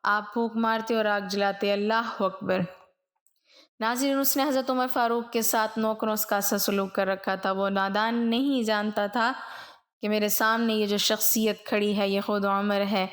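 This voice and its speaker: A woman's voice: mid-range voice, fairly even intonation. A woman telling a religious story in a solemn tone, speaking directly to her viewers.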